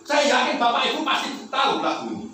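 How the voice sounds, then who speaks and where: A male preacher tells an animated story to his congregation and keeps putting questions to them. His voice is very high and bright. The sound booms around a large church hall, picked up from some distance off the mic. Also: fast talker, slight background noise. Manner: animated, addresses the congregation often. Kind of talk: storytelling sermon.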